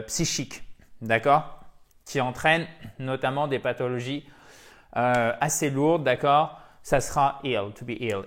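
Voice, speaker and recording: A French-speaking man giving a lively English vocabulary lesson, chatty with his viewers and repeating words to drill their pronunciation. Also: mid-range voice. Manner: chatty, addresses viewers as dear friends. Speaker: English teacher.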